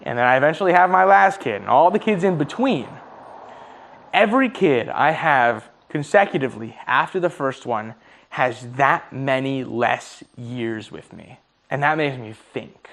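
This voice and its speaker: A male vlogger in his early twenties, medium-pitched with a fairly bright tone, muses aloud in a casual monologue. He swears freely and laughs at his own slips as his voice starts to tire.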